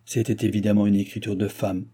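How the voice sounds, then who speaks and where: A man narrating a classic novel as an audiobook, in a steady storytelling cadence. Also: on the low side, a little fast, husky.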